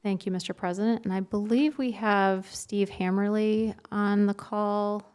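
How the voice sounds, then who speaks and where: A woman giving a formal presentation at a meeting as a staff member, measured and matter-of-fact. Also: medium pitch, steady tone, darkish tone, smooth.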